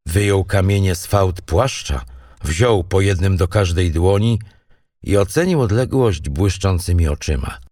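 A man narrating a historical tale in a measured, dramatic reading. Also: low voice, dark tone, no echo, far from the mic. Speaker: audiobook narrator. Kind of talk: storybook narration.

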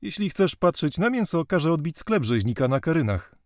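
A man's voice: fairly high pitch, big pitch swings, a little fast, no room sound, voice pushed up. A refined older Roman nobleman, as a male narrator puts him on, speaks with cool, sneering disdain in a mid-range voice. The recording is close and dry. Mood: disdainful.

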